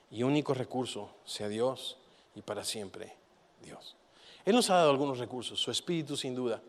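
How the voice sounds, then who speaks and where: A man preaching a sermon with animated delivery, rising to forceful peaks and dropping to quiet, reflective passages. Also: medium pitch. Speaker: pastor. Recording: long hall reverb.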